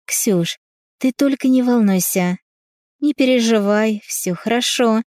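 A woman's voice: fairly high pitch, measured pace, darkish tone, no room sound, clean studio sound, voice pushed up, close to an everyday voice. A woman reading an audiobook voices a middle-aged mother who soothes her daughter and snaps at her husband. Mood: soothing.

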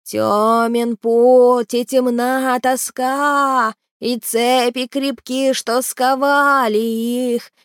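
A shrill wailing shaggy creature. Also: female voice, no echo, studio quality. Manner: slow, high, wailing and hissing.

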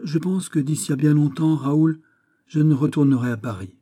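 A man voicing a dignified, fatherly older count who gives instructions with calm, gentle authority. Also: fairly high pitch, moderate pace, pitched above the performer's own voice, natural voice.

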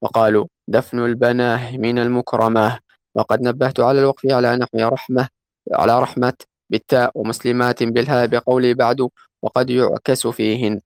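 Man, reading a classical grammar text aloud, quick recitation, gravelly voice. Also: medium pitch, flat delivery, no room sound. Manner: fast recitation, slows to chant quoted verses.

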